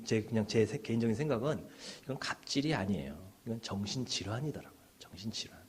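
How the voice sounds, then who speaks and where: A man's voice: mid-range voice, slightly rough. Middle-aged male pastor with a mid-range voice, chatty sermon delivery, rhetorical questions, swells and drops in volume. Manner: conversational preaching with frequent "네" and "예" fillers; rhetorical questions, rising and falling in loudness.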